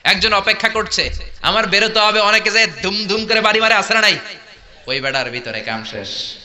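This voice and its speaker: A man preaching a fiery sermon, calling on the crowd to answer aloud and swinging from shouts to low asides. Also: animated, normal speed. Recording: echoey, muffled hall recording.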